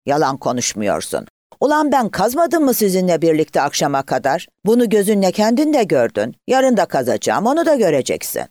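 A man voicing a loud, boastful, tipsy village gentleman who blusters and booms. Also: huge pitch swings, normal speed, no room sound, studio quality. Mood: indignant. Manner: blustering, booming.

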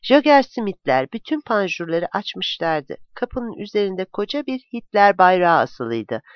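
Novel narrator, dramatic and animated, dry muffled audio. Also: mid-range voice, a little slow, dry recording. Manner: dramatic, lively reading. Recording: dull lo-fi dry recording.

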